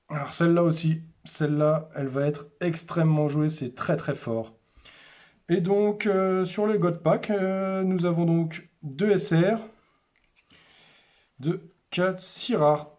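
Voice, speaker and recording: Male host, casual unboxing commentary, slow delivery, names items one by one. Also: sits high, darkish tone. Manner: names cards one by one in short, unhurried remarks. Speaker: host opening a card display.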